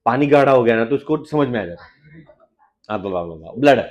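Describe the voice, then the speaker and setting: A man teaching biology in a classroom, firing questions at students and teasing them, with quick low asides. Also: lively intonation, darkish tone. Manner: quizzes students with repeated questions, teasing and joking. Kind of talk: lively classroom lecture.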